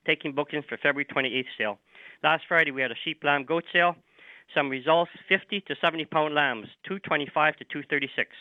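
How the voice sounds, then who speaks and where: A man's voice: fairly high pitch, dry recording. Dull-sounding man, radio farm report. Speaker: livestock market reporter. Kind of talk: radio farm report, reading auction prices.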